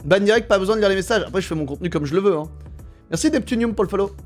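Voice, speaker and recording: A man's voice: sits high, racing, soft background music. A man with a French accent, streaming live, mocking and bluntly judging his chat in casual, crude talk.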